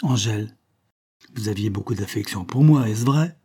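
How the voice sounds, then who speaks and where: A man's voice: lowish voice, moderate pace, dark tone, breathy edge. A man reading aloud, voicing an earnest young man pleading with the woman he loves in a storybook reading.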